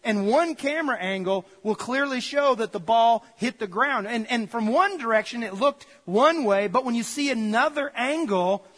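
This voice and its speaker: High-voiced pastor with long church reverb. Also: male voice, lively intonation, moderate pace, hardly any pauses, fairly bright tone. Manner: conversational, jokey storytelling to the congregation. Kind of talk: sermon.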